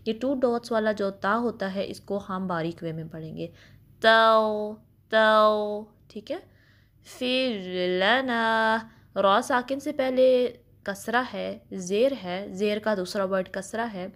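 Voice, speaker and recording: A woman teaching Quran recitation, patiently explaining each letter with slow spoken examples and mixing English words into her explanations. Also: mid-range voice. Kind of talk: step-by-step recitation lesson.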